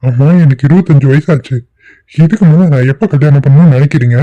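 A man's voice: mid-range voice, fast, no room sound, phone-quality sound, natural voice. A man in his twenties voicing a defiant young husband arguing with his mother in a cartoon. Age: 20s. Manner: defiant, insistent. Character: defiant young husband, 25, hot-headed son. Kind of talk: cartoon voice acting.

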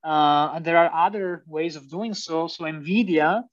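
A man's voice: a little high, unhurried. A young man with an Italian accent, a PhD student giving a university lecture, hesitant with many fillers and restarts. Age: young adult. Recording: distant, dull lo-fi sound.

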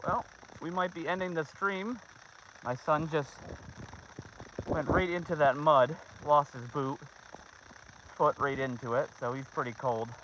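A middle-aged man with a fairly high, evenly inflected voice talks a bit slowly, pausing often, while livestreaming a family dog hike along a snowy trail. He chats informally with his viewers, son, and dogs on a handheld phone, and the outdoor recording picks up clear background noise.

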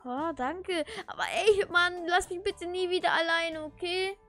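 A woman voicing an excitable, whiny thirteen-year-old boy who talks in exclamatory slang in a Minecraft role-play video. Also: very high-pitched, measured pace, music in the background. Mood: indignant, slangy.

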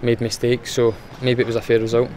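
A young Scottish man, a footballer, gives a plain, matter-of-fact post-match interview outdoors in front of a sponsor board, using lots of fillers. His mid-range voice is completely flat and brisk, with a darkish tone and a slight hiss or hum on the recording.

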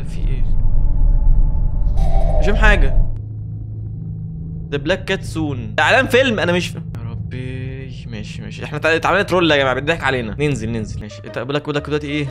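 A man with an Egyptian Arabic accent, commentating a horror game as a video host, excitable and jokey, talking back to the game characters. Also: medium pitch. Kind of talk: let's play commentary.

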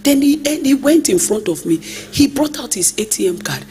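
A woman's voice: a little high, moderate pace. A woman preaching a storytelling sermon, acting out the people in her stories and sometimes slipping into a sung cadence. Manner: lively storytelling, acts out the people she quotes, drifts into a sung cadence. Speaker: prophetess preaching. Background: music.

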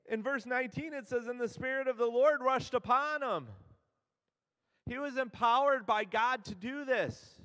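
Male pastor, high-pitched, chatty storytelling sermon, long church reverb. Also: normal speed, bright, forceful tone. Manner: casual storytelling, paraphrasing characters in everyday speech. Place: church sanctuary.

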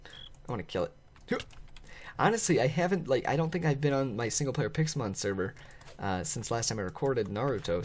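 A man narrating his video game play to viewers in an excitable, chatty way, laughing often and reacting out loud. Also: mid-range voice, slight background noise. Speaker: gaming channel host. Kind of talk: let's play commentary.

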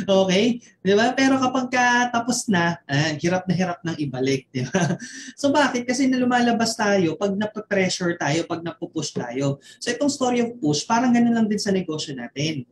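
A man's voice: high voice, expressive, moderate pace, reverberant, slight background noise. A man with a Filipino accent, a network marketing mentor giving a motivational online training, telling a story and tossing constant tag questions to his listeners.

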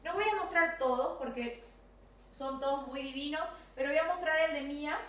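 A woman teaching English to young children in an online video class, speaking Argentine Spanish and drilling sentences slowly. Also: sits high. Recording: distant echoey room recording with faint noise.

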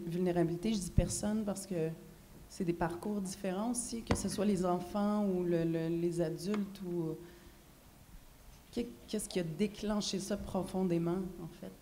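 A woman's voice: on the low side, mellow, a little hiss or hum. A woman moderating a panel who asks her questions into a handheld mic.

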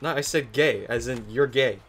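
A man's voice: medium pitch, normal speed, a bit bright, slightly rough. A young man chatting and joking over voice chat while gaming, swearing and laughing often. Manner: profane, laughs often, teasing. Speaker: gamer and channel host.

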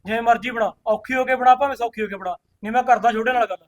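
A man's voice: very high-pitched, fairly even intonation, rapid-fire. A man playing an impatient farmer husband who lectures the women of the house. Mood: exasperated. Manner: exasperated, lectures and pushes the women to hurry. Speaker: elder brother and farmer of the house. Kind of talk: comedy skit acting.

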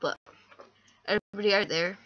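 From a small, dim room, a young adult vlogger talks casually and self-deprecatingly, rambling into a close webcam or laptop mic. Her crackly medium-pitched voice is brisk with fairly even intonation, and the recording's highs are cut off.

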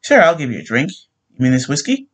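A man's voice: mid-range voice, wildly swooping pitch, quick pace, husky. A man voicing a tired, decent police sergeant who speaks plainly and kindly.

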